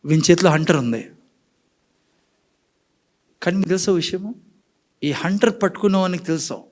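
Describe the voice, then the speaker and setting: High-voiced preacher, hushed then loud. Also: male voice. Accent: Telugu, Rayalaseema. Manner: preaches with rhetorical questions, swings between hushed and loud; mixes in English words and phrases. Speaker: pastor. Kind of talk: sermon. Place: church.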